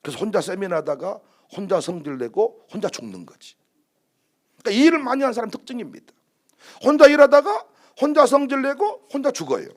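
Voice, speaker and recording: A man's voice: high voice, fairly quick. A man preaching a sermon as pastor, telling stories animatedly and acting out quotes. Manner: animated storytelling with acted-out quotes.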